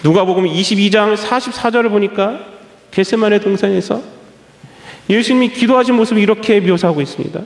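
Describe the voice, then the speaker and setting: A man's voice: high voice, a little fast, creaky. A man preaching a sermon as pastor, emphatic, with rhetorical questions and repeated phrases. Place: church sanctuary. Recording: echoey church hall.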